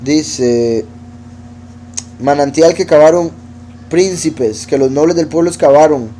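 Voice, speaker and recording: A man teaching a Bible study, reading verses aloud and slowly spelling out Hebrew words as he explains them. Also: on the high side, dark tone, slight background noise. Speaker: teacher of scripture.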